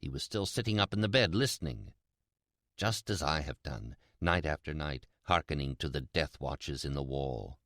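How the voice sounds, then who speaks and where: A man playing a sly, mad, gloating murderer in a theatrical, deliberate dramatic reading of a Gothic horror story. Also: extremely low pitch, animated, a bit bright, dry recording, studio quality, voice pushed down, full character voice. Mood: sinister, hushed. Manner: theatrical, deliberate, drawn-out emphatic repetitions. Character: mad, gloating, sly male murderer confessing his crime.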